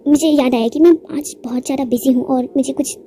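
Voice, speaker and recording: A woman's voice: high-pitched, fairly quick, warm tone, a little hiss or hum, lightly acted. A woman voicing a flustered young duke. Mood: evasive. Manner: flustered, evasive. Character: shy, flustered young man hero, a duke. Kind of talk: manga recap voice acting.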